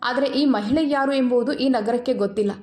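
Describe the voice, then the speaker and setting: A calm, wise old retired surgeon speaks in a quiet, measured, gently stern way, as a woman storyteller puts him on. His voice sits fairly high and rings in an echoey room over faint background music. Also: lightly acted.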